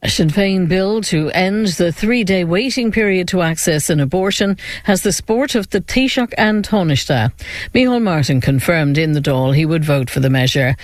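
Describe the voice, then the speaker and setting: A man's voice: high voice, no echo, clean studio sound. An Irish man reading a scripted radio news bulletin. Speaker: radio newsreader.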